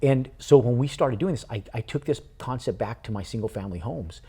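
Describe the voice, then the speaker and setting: A man in an interview who tells his story casually, animated and with casual swearing. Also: medium pitch, brisk, breathy edge. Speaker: podcast guest, real estate investor.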